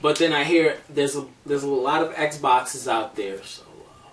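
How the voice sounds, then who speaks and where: A man in his thirties hosting a casual gaming podcast, talking in a profane, joking, animated way. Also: medium pitch, unhurried. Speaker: podcast host. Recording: roomy distant mic with faint noise.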